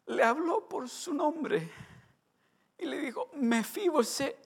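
A male preacher giving an impassioned sermon that swells in loudness on repeated lines, switching between Spanish and English. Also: very high-pitched, animated, slow, gravelly.

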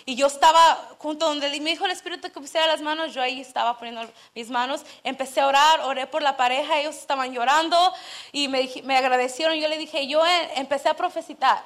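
A woman with a bright, high voice shares a personal testimony during a church service. She tells the story earnestly and with feeling, acting out the dialogue as she goes. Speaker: church member giving testimony.

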